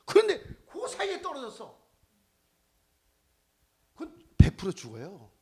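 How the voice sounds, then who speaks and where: A man in his sixties, a missionary preacher, telling personal stories in a sermon with animated, exclaiming delivery. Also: extremely high pitch, measured pace, vocal fry. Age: 60s. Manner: animated storytelling, exclaiming and laughing often.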